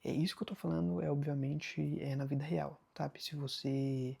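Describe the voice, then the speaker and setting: A Brazilian man with a Brazilian Portuguese accent talks straight to camera in a casual vlog. His voice is heavily gravelly, dark and husky. He rambles loosely and leans hard on fillers. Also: on the high side, steady tone, moderate pace. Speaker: vlogger. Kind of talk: casual talking-head advice.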